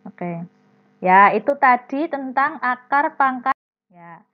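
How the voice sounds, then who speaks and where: A woman with a fairly high voice teaches a primary class over a video call, patiently walking the pupils through each step and calling on them by name. The audio is dull and lo-fi, with a faint mains hum under it. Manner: patient, explains step by step, calls students by name.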